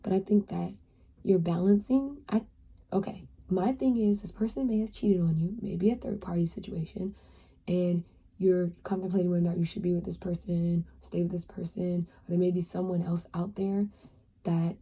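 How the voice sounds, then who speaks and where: A young woman doing a pick-a-card tarot reading, speaking earnestly and encouragingly to the viewer, sometimes dropping into a soft whisper. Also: on the low side, steady tone, normal speed, breathy edge. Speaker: tarot reader.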